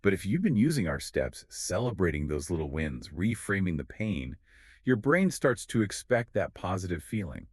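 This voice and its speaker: A very deep male voice that rises and falls expressively as he co-hosts an explanatory podcast. He speaks with confidence and lays out ideas in clear steps. The sound is dry and close, with no room around it. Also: sing-song, moderate pace, no echo. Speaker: podcast co-host.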